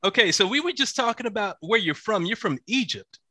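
A man's voice: sits high, lively intonation, brisk, sharp tone, no room sound. A man hosting a podcast interview, asking short questions in a casual tone. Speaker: podcast host.

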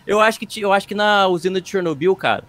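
A young Brazilian man with a Brazilian Portuguese accent, performing a quick stand-up set and acting out the people he quotes. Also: high-pitched. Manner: quick, animated, acts out quoted voices. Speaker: stand-up contestant.

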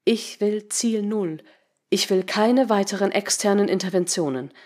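A woman reading a story voices a rogue computer program in a flat, slow, mechanical way. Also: medium pitch, natural voice.

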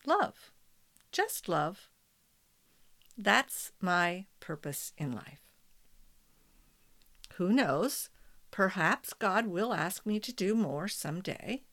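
Calm, slow-paced woman leading meditation. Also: medium pitch. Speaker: meditation leader.

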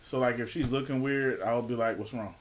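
A man's voice: mid-range voice, fairly even intonation, a little fast. A man co-hosting a relationship podcast, talking casually and informally, joking with his partner. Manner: laid-back, joking, informal. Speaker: podcast co-host.

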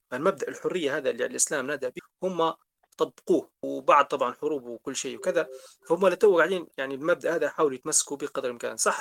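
A male host, chatting conversationally and thinking aloud. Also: on the high side. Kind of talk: conversational interview.

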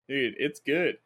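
A man's voice: medium pitch, fairly bright tone. A young man hosting a casual podcast over Discord, swearing freely and laughing often. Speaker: podcast host.

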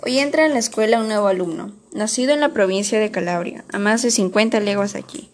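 Storybook part: a grave, solemn male teacher, read by a woman. He is formal and earnest and speaks in measured lines. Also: medium pitch, slight background noise, natural voice. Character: solemn, stern male schoolteacher, middle-aged.

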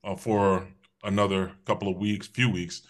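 Low-voiced middle-aged man from Connecticut. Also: little pitch movement. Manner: measured, pauses with fillers. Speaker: guest. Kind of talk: interview.

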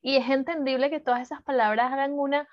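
A woman's voice: sits high, steady tone, fast, muffled recording. A woman on a casual podcast, talking thoughtfully and explaining her view at length. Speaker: podcast co-host. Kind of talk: casual chat.

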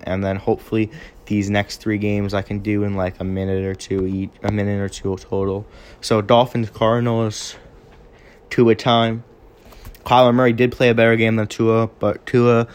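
A young man with a fairly low voice hosts a casual sports podcast. He talks off the cuff and often stumbles and restarts his sentences while he recaps the games. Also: darkish tone. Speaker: podcast host.

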